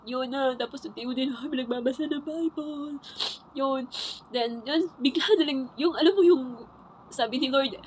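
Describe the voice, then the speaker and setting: A woman telling her personal faith testimony in a halting, repetitive way, often restarting her sentences. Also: high voice, a little mellow, a little hiss or hum, poor audio. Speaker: churchgoer sharing her testimony.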